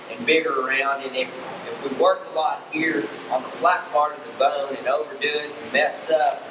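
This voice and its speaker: A middle-aged livestock fitting instructor and show judge demonstrates how he grooms a goat for show, speaking in a relaxed way with frequent ums and restarts. His voice is mid-range. A far camera mic picks him up in a large indoor barn arena, so the sound is distant and echoey with air conditioning hum.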